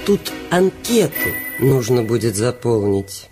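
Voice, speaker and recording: A man voicing a cool, stern theatre secretary in an audiobook, speaking quietly and curtly. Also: mid-range voice, sing-song, slow pace, over music. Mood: cold. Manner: quiet, dry, curt.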